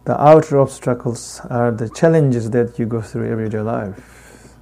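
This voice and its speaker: A man with a heavy Tibetan accent, a native Tibetan speaker, giving a Buddhist dharma talk as a teacher in halting, deliberate phrases with long pauses. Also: medium pitch, gravelly, mellow.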